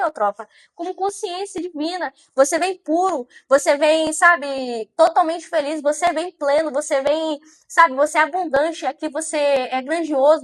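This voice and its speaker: High-voiced woman giving a pep talk. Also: fairly bright tone. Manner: repetitive, rhetorical questions to the listener. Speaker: mindset speaker. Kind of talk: motivational monologue.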